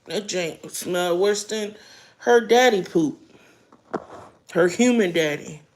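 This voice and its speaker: A woman's voice: on the low side, takes it slowly, darkish tone, a little hiss or hum. A middle-aged American woman chatting casually and bluntly in a rambling vlog while she eats, her mouth sometimes full. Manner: blunt, earthy. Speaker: vlogger.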